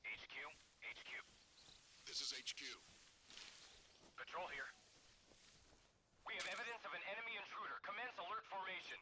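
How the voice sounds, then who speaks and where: A dutiful patrol soldier calling headquarters over an old crank field telephone, his high, tight voice crackling through hiss and clicks. He speaks in crisp military radio protocol. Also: animated, moderate pace, pauses often. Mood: urgent.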